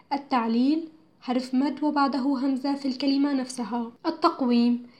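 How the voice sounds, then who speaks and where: A woman reading a religious studies textbook lesson aloud, measured and clear, with slow, careful recitation of verses. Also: high voice, a little mellow. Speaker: narrator of a school textbook audio.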